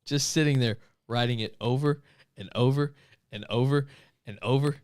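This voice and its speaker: A man's voice: mid-range voice, normal speed, darkish tone, smooth. A man co-hosting a casual talk show, telling a family story and laughing often as he acts out the quotes. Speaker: podcast co-host.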